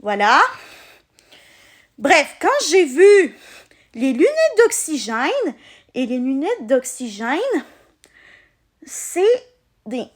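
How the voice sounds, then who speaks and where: A woman with a Québécois French accent telling a personal story in a casual vlog, explaining things with halting pauses mid-sentence. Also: high voice, very animated. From Quebec, Canada. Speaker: vlogger.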